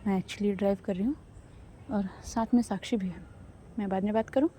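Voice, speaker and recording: A woman voicing a young woman who brushes off questions and soothes her partner in a calm, reassuring way. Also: mid-range voice, brisk, a little hiss or hum, natural voice.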